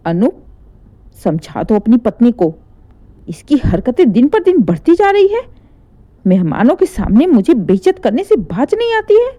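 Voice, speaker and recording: A woman voicing an angry, domineering older mother-in-law who scolds loudly. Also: high-pitched, big pitch swings, a little slow, pauses often, voice pushed up. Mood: furious. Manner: scolding, shouting in anger.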